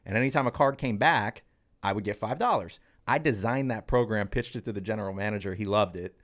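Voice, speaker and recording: A man in his mid-thirties with a fairly low voice spins career stories on a casual podcast into a studio mic. He sounds chatty and animated, speeding up in bursts and tossing in "uh" and "um" along the way. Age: 30s. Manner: lively, chatty, quick bursts with fillers. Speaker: podcast co-host. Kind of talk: casual storytelling in podcast chat.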